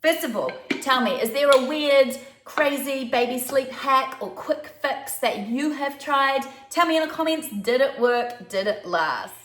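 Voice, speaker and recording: A woman's voice: sits high, fairly bright tone. A woman with a New Zealand accent, a baby sleep consultant giving casual, chatty advice straight to her viewers. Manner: chatty and conversational, with light laughs. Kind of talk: casual advice talk to camera. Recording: roomy echo.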